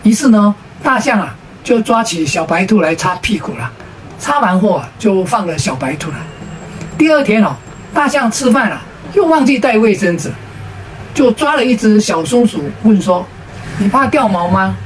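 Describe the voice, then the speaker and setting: A woman's voice: mid-range voice, very animated, normal speed, reverberant, distant mic, slight background noise. A woman with a Taiwanese Mandarin accent telling jokes in a sing-song storytelling way, drawing out sentence-final particles. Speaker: joke teller. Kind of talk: storytelling comedy.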